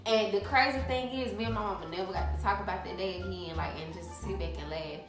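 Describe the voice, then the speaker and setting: A young woman from Alabama, casually telling a story to her viewers in an animated, chatty way. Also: mid-range voice, fast talker, roomy sound, over music. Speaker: vlogger.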